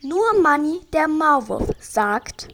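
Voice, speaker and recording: Woman, storyteller, children's tale, slow, slightly high. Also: big pitch swings, fairly bright tone.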